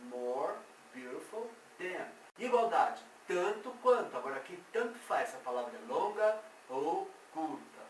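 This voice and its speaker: A man, teaching English grammar in a slow, drawn-out way and repeating each example. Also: fairly high pitch, fairly bright tone. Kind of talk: explaining grammar at a board. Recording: echoey room from far off, faint noise.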